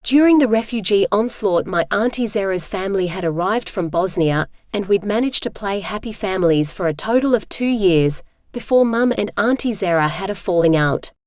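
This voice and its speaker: Synthetic woman narrator for a first-person audiobook; steady and even, mid pitch, dry close sound. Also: moderate pace, few pauses, no room sound. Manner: even, steady text-to-speech reading.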